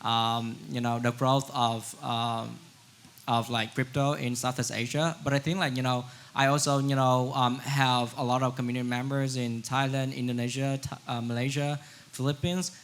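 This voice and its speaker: A man from Vietnam answers on a conference panel in a flat, even tone. He talks haltingly, leaning on fillers as he goes. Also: medium pitch, smooth. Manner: halting, many fillers like "you know". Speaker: panelist, crypto wallet founder.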